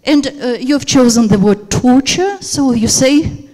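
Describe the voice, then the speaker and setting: A Russian-speaking teacher trainer gives a workshop lecture in a seminar room, talking hesitantly and filling gaps with lots of fillers. Her voice sits high and sounds warm, moving at a measured pace. She uses a handheld microphone, and the recording carries hall reverb.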